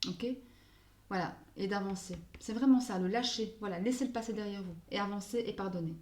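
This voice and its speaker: A woman's voice: medium pitch, fairly quick. Hesitant French-speaking woman, echoey room. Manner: hesitant, searching for words with many fillers; mixes in English phrases. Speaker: astrology card reader. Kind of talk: casual spoken tarot guidance.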